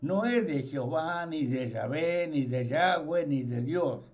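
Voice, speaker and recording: Preaching informally and expressively, a man with a voice sitting high for his sex takes things slowly, emphasizing ideas through repeated words. The sound quality is dull and lo-fi.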